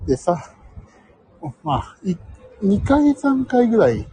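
A man hosting a casual live stream on his phone as he walks home, talking quietly and a little out of breath. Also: sits high, big pitch swings, takes it slowly, slight background noise, rough recording. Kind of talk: casual live-stream chat while walking. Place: outdoors, walking home from the station. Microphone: phone mic.

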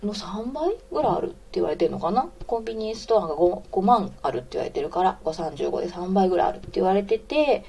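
A woman's voice: medium pitch, animated, fast, gravelly, few pauses, dark tone, slight background noise. A woman of about forty from Osaka with a Kansai accent, chatting casually on a live audio stream, giggling and stopping to greet listeners. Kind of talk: casual live radio chat, reading listener comments.

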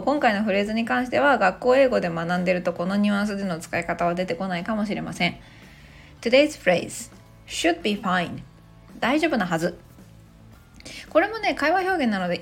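Chatty woman teacher, casual lesson podcast, lotsa fillers, bouncy pitch. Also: vocal fry. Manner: chatty, many soft fillers, laughs lightly. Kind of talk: casual spoken language lesson.

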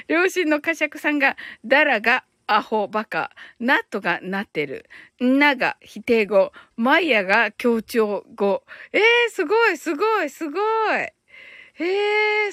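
A cheerful woman hosts a casual live stream and reads listener comments aloud, reacting with quick delight and frequent giggles. Her voice sits high and moves freely up and down. The sound is close and dry, with no room behind it. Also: a bit bright, dry recording.

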